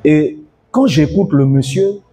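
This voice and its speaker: A man's voice: on the high side, takes it slowly, warm tone, husky. A pastor preaching an evening sermon, telling a story and calling out to his congregation to follow him.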